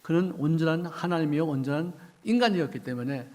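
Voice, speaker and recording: A middle-aged male pastor preaching a sermon, quizzing the congregation and acting out quoted voices, with sudden swings between loud outbursts and hushed asides. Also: fairly high pitch, lively intonation, fast talker.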